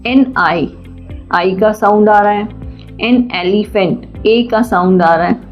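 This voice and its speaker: Woman teacher, slow patient explaining. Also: medium pitch. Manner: patient, asks and answers own questions; slow and deliberate. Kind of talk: classroom grammar lesson. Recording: dull lo-fi sound, faint music.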